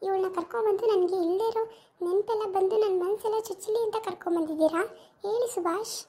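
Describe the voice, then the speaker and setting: A woman's voice: extremely high pitch, fast. A woman playing a jealous, hot-tempered young wife in an amateur village drama, who hurls scornful insults. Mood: accusing. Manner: scornful, accusing, shouting insults.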